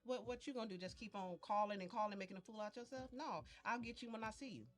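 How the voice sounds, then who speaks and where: A woman's voice: medium pitch, fast. A woman on a podcast speaking directly and plainly about letting out her feelings. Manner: direct, matter-of-fact. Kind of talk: casual chat.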